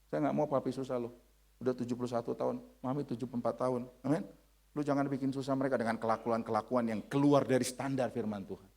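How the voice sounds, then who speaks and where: A man in his thirties preaching a sermon in a church, forceful, dropping to hushed lines and rising to shouted ones. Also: medium pitch, fairly even intonation, fast talker, gravelly. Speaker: pastor. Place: church sanctuary.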